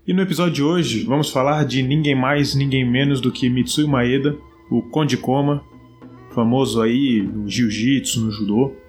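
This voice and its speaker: A man with a Brazilian Portuguese accent hosting a solo podcast, explaining at length in a relaxed way, with frequent fillers. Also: medium pitch, normal speed, faint music behind. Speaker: podcast host. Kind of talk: solo podcast talk on martial arts history.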